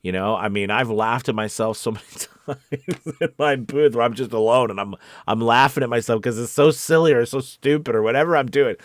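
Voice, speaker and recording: Hosting a coffee-time voice acting livestream, a voice actor chats casually and encouragingly, rambling in an earnest, conversational way. His mid-range voice moves fairly quickly, captured in studio quality with no room sound.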